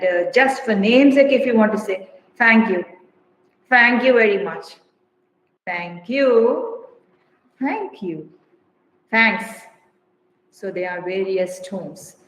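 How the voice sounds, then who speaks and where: A woman's voice: mid-range voice, slight background noise. A woman with an Indian English accent, a college English instructor giving an induction talk to new students, explaining at length, repeating her points and asking rhetorical questions. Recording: roomy hall reverb, faint ambience.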